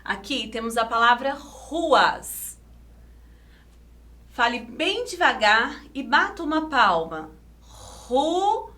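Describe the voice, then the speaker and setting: Slow, lively-voiced Brazilian woman teacher. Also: on the high side. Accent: Brazilian Portuguese. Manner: slow, over-enunciated syllables, coaxing questions. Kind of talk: video lesson for children.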